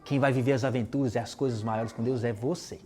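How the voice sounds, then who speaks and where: A man preaching a sermon, telling personal testimonies in a lively way and acting out the dialogue in casual slang. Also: mid-range voice, fast.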